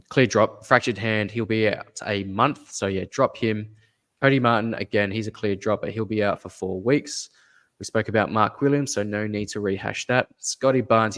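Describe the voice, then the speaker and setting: A man with a low but slightly bright voice co-hosts a fantasy basketball podcast, offering casual analysis. He speaks in a measured way, repeats his advice, and thinks aloud with plenty of fillers.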